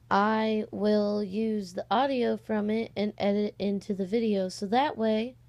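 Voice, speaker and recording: Through a cheap mic with slight distortion, a teenage girl of 16 rambles hesitantly through a casual vlog-style announcement for her amateur voice-acting channel. Her voice is mid-range, creaky, and mellow.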